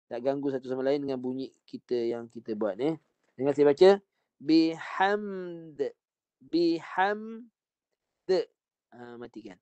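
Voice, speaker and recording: A man's voice: medium pitch, steady tone, a little fast, warm tone, no room sound, dull audio. A man with a Malaysian Malay accent teaching an online Quran recitation lesson, patiently repeating short drills and corrections over a video call.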